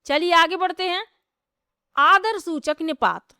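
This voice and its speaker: High, bright-voiced woman teaching grammar. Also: measured pace, dry recording, studio quality. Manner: explains step by step, repeats rhetorical questions. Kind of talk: exam-prep grammar lesson.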